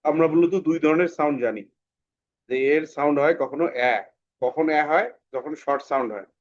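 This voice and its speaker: A man's voice: fairly high pitch, lo-fi sound, a little hiss or hum. Patient man teaching pronunciation. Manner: patient, repeats words slowly for the class. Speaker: English teacher.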